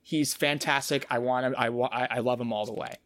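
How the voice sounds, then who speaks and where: A man hosting a casual podcast chat, talking in an animated way and often repeating words as he gathers his thoughts. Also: mid-range voice, fairly quick, no echo, clean studio sound.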